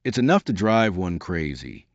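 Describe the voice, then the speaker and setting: A man's voice: low voice, big pitch swings, normal speed, no room sound, muffled recording. A man reading aloud and voicing a polite, curious young girl in a raised, earnest, questioning tone. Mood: puzzled.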